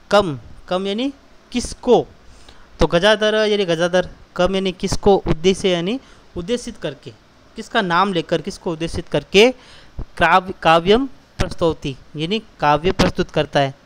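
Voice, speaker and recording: A man's voice: high voice, background noise. A male teacher patiently explaining a school exercise to children, glossing each word and repeating key terms.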